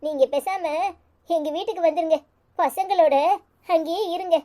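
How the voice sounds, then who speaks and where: A woman's voice: very high voice, normal speed, background noise. A woman voicing a distressed young wife and daughter in a cartoon serial, speaking with a Tirunelveli Tamil accent in an anxious, indignant, urging way. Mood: pleading.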